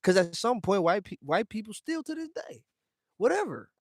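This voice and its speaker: A man's voice: high-pitched, big pitch swings, normal speed, no echo, clean studio sound. A young man from the United States speaking straight to his viewers in a casual livestream rant, slangy and emphatic, calling everyone fam and bro. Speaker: streamer talking to viewers.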